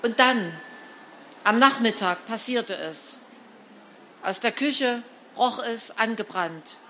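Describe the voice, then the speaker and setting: A woman narrating a children's storybook in an expressive, lively reading style. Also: a little high, slow pace, slight background noise. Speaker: storybook reader.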